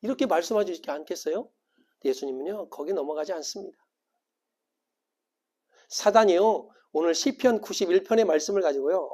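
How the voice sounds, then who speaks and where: Animated pastor preaching with dramatic swings. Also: male voice. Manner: animated, acts out quoted voices with big swings in pitch and loudness. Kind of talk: sermon.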